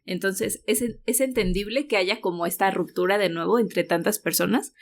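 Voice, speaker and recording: A woman's voice: mid-range voice, normal speed. A woman, a podcast guest speaking earnestly and thoughtfully in casual conversation. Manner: thoughtful, earnest, many fillers.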